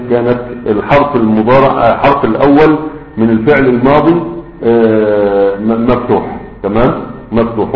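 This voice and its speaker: Egyptian man teaching a grammar lesson. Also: mid-range voice. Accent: Egyptian Arabic. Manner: explains step by step, often checking understanding with asides. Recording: roomy, dull lo-fi lecture recording.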